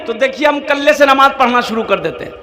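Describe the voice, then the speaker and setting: A man's voice: extremely high pitch, lively intonation, quick pace, bright, forceful tone, heavily acted. A man voicing a simple, naive male buffalo herder from a village, talking in plain rustic speech. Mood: eager. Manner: plain village talk, bargaining.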